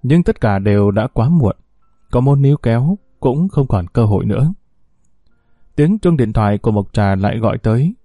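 Male narrator, calm, even storytelling, mellow warm voice, dry close mic. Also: medium pitch, no room sound. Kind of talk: scripted audiobook narration. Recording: dry close studio sound.

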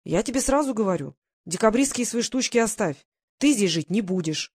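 A woman's voice: mid-range voice, lively intonation, normal speed, a little mellow, slightly rough. A woman reading an audiobook, voicing a blunt, protective grown man who gives firm, clipped orders. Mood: stern.

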